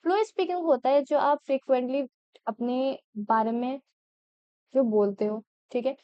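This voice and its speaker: A woman's voice: high voice, normal speed, smooth, no room sound, lo-fi sound. A young woman teaching an exam-prep lesson, mixing in English terms and checking in often with her students. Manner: chatty Hindi-English code-switching, checks with frequent "theek hai?".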